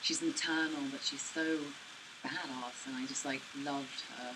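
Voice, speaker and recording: A woman's voice: very deep voice, fairly even intonation, moderate pace. A woman with an English accent, interviewed at a live event, speaking earnestly. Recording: noisy live event audio.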